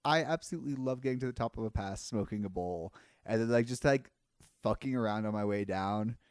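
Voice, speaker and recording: A man guesting on a podcast, laid-back and casual, swearing freely in relaxed chat. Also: fairly low pitch, fairly quick, clear, resonant tone, no room sound, clean studio sound. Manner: laid-back, swearing, lively and laughing easily.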